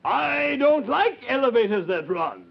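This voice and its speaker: A man playing a timid, apologetic, fussy gentleman with a hesitant, stammering delivery in an old children's TV comedy. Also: very high voice, very animated, a little slow, creaky, full character voice. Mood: fussy, pleased. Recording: muffled, noisy old TV recording.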